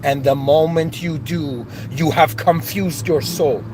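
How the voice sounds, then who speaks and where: A man's voice: a little high, fairly even intonation, takes it slowly, over music. A man born in Iran and raised in Canada, giving an impassioned, searching spiritual monologue with many restarts and rising outbursts. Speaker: spiritual speaker.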